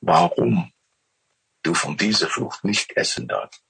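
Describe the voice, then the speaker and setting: A preacher putting on a low, sly serpent. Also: male voice, very animated, slow, gravelly, a bit bright, husky, heavily acted. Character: sly whispering male serpent tempter.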